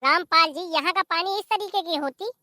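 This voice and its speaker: A meddling male friend visiting from abroad in a cartoon comedy, voiced by a performer, teasing the couple and giving advice. The pitch is extremely high and bright. The sound is dry and close-miked. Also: a little fast, no echo. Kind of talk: animated comedy voice acting.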